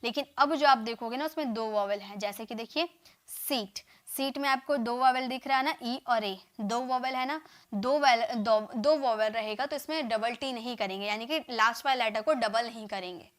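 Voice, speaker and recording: High-voiced woman teaching English live. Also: normal speed. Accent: Indian English. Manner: drills word forms aloud, repeats each word, urges viewers to comment and share. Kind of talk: live online class.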